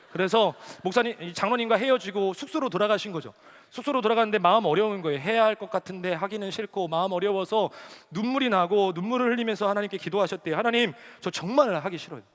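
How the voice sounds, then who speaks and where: A male pastor in his thirties with a high voice, preaching in an animated storytelling manner. His delivery is fast and rising, and it rings through a long-echoing church sanctuary. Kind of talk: sermon. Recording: reverberant church hall.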